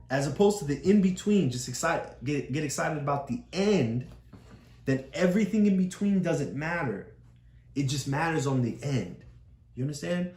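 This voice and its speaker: A parent with a notably low, darkish voice reads a picture book to a child, patiently explaining and returning to the same phrases. The room she's in is echoey.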